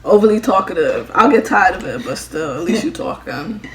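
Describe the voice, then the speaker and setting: A woman's voice: lowish voice, expressive, a little fast. A young woman chatting candidly and casually in a vlog. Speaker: vlogger. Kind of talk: casual chat. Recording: roomy echo with crowd noise.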